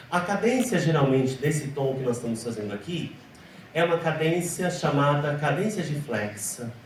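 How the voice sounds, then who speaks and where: A man with a Brazilian Portuguese accent giving a liturgical music lecture, teasing and instructive, leading the audience through chanted examples. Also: fairly high pitch. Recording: echoey hall from far off, faint hum.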